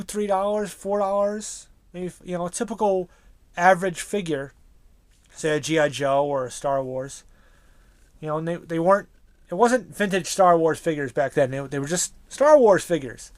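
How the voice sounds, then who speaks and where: A man's voice: sits high, normal speed, no room sound. Rambling man reminiscing to camera. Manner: rambling, with many restarts and asides. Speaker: toy collector vlogger. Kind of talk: casual reminiscing monologue.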